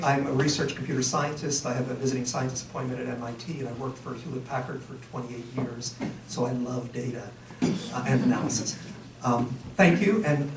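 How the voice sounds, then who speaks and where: A middle-aged man addresses a community forum as a candidate, earnest and steady, with frequent ums and restarts. His voice echoes around the room and comes from well off the microphone, with a faint hiss of background noise. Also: medium pitch, a little fast. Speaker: candidate for town office. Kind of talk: candidate speech at a public forum. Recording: roomy hall, mic far off.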